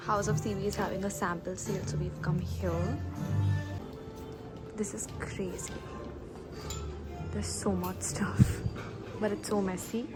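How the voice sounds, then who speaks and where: A woman's voice: mid-range voice, steady tone, measured pace, long pauses, loud music behind the voice. A young woman chatting to the camera in a casual travel vlog, talking about her day around the city. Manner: chatty, talks straight to camera; whispers softly in the morning. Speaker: vlogger. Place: city streets and shops, outdoors. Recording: noisy street background.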